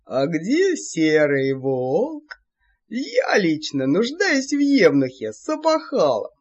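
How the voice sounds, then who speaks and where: A woman's voice: low voice, sing-song, slow, husky, lo-fi sound, voice pushed down, heavily acted. A woman voicing a smug, mischievous male vampire lord in a storybook reading, teasing and sly. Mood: playful.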